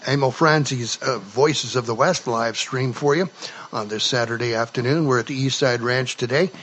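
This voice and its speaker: A man's voice: mid-range voice, moderate pace, fairly bright tone. Rambling older man hosting a chat. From United States. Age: 70s. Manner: rambling, hesitant with many fillers, laughs often. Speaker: host. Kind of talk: casual live stream chat. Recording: dull lo-fi live stream audio with faint noise.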